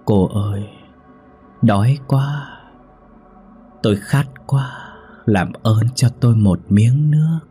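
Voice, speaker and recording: A man's voice: mid-range voice, slow pace, pauses often, warm tone, faint music behind, pitched above the performer's own voice, lightly acted. A man whispering as a starving, begging ghost. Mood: pleading. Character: hungry pleading ghost whispering in the dark.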